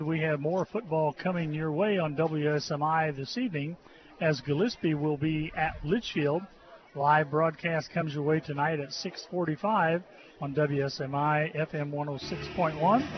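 A man calling a high school football game and reading station promos in a dense, steady announcer delivery, heard through a muffled radio broadcast from a press box. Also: normal speed. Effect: muffled lo-fi radio broadcast sound.

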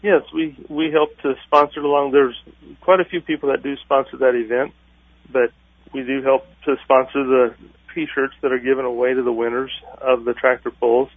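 A man taped off the radio, speaking as a guest in a radio interview with halting speech and many filler pauses. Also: mid-range voice, level tone, no room sound. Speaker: farm organization president, radio guest. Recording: tinny phone-like lo-fi radio sound, dry.

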